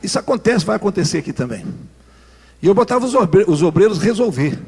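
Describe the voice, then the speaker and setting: Husky high-voiced pastor preaching. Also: male voice, very animated, fast, a little mellow. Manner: emphatic, repetitive, storytelling preacher. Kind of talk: preaching sermon. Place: church sanctuary. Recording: long hall reverb in church.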